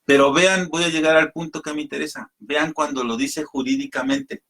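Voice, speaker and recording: A man's voice: a little high, fairly even intonation, moderate pace, fairly bright tone. Man teaching a Bible study. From Mexico. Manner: explanatory, addresses listeners as brothers, reads scripture aloud. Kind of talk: radio Bible study talk.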